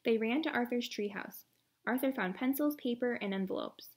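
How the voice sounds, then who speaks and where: Woman, picture book read-aloud, kid audience, fairly high voice, friendly asides. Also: moderate pace. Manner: adds short friendly asides to viewers. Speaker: story reader.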